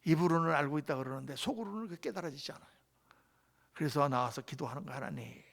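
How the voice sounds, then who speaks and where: A male pastor preaching a midweek sermon, moving between loud exclamations and hushed whispers. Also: fairly high pitch, expressive, fast talker, creaky.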